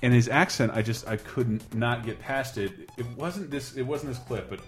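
A man's voice: medium pitch, moderate pace, faint music behind. A man hosting a casual podcast chat, talking animatedly, swearing and restarting his sentences. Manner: animated, swearing, self-interrupting. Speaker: podcast host.

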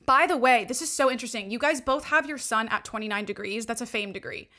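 A woman's voice: fairly high pitch, quick pace, sharp tone. A woman guest coach in casual podcast chat, gushing and full of "like" fillers as she explains astrology.

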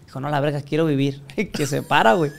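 A man's voice: fairly high pitch, quick pace, gravelly. A young Mexican man with a Mexican accent, telling a crude, slang-filled story in casual chat. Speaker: podcast guest telling his story.

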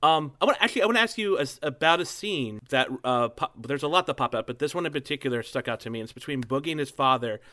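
A man interviewing a guest, asking measured, curious questions. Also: medium pitch, expressive, pushed and bright.

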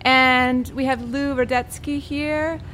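A woman's voice: high-pitched, steady tone, takes it slowly, sharp tone, slight background noise. A woman hosting a casual radio interview, talking in a reflective, conversational way. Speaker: radio host, educator. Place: radio studio.

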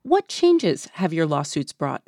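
A woman's voice: low-pitched, wildly swooping pitch, measured pace, darkish tone, no room sound, studio quality. A woman hosting a podcast, asking curious, probing interview questions. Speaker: podcast host.

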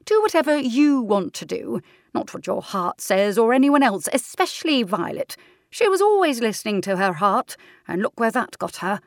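A woman voicing a level-headed, no-nonsense aunt who speaks in a brisk, firm and plain way. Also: on the high side, sing-song, no room sound, studio quality, pitched above the performer's own voice.

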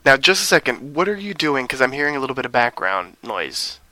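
A man's voice: medium pitch, sing-song, brisk, sharp tone, dry recording. A man hosting a radio interview show in an upbeat, enthusiastic way. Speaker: host.

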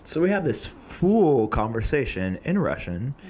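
A young man earnestly telling a personal story about growing up and joining a singing community, reflective and unhurried. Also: mid-range voice, sing-song, a little mellow. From Portland, USA. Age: young adult. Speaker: singer telling his story.

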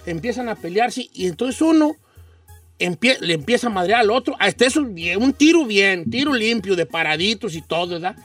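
Mexican male radio host, very high bright voice, slangy and rambling, slightly distant mic, faint music behind. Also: moderate pace. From Michoacán, Mexico. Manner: slangy, rambling, animated storyteller. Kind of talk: casual storytelling chat.

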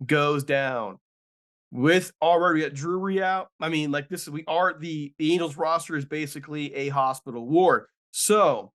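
A man's voice: a little high, fairly bright tone. A man hosting a sports podcast in a loose, chatty way, often correcting himself mid-sentence. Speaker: podcast host. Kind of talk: casual sports podcast chat.

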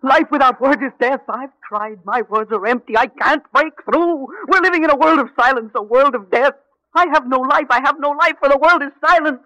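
An anguished lonely young lover. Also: male voice, extremely high pitch, a little fast, pushed and bright, no echo, poor audio. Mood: desperate. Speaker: lover in a radio drama. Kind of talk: 1940s radio acting.

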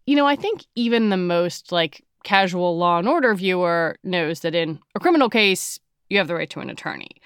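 A woman's voice: on the low side, animated, normal speed, few pauses, clean tone, dry recording. Woman podcast host in a dry studio. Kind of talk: scripted narration and interview questions.

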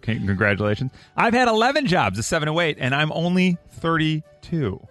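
A man's voice: on the high side, big pitch swings, a little fast, a bit bright, soft background music. A man hosting a radio morning show from the studio, chatting casually with callers and reading listener texts aloud in an upbeat way. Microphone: studio microphone.

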